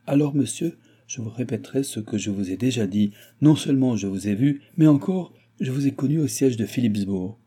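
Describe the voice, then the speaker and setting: A man reading the part of a mysterious, calm stranger who speaks gravely and without embarrassment. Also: medium pitch, brisk, few pauses. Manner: grave, unruffled.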